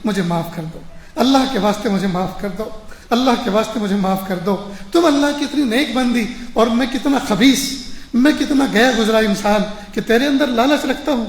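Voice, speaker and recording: A man's voice: very high voice, roomy sound. A man doing a remorseful rich young man. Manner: begging for forgiveness.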